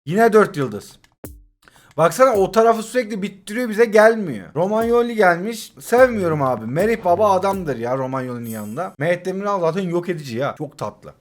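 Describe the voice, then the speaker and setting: Brief: young man in his twenties, gaming commentator, high voice, frustrated, cursing and begging the game. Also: fairly quick. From Turkey. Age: 20s. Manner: exasperated, swears and pleads with the game; swings between shouting and forced calm. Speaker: gaming YouTuber. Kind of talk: live gameplay commentary.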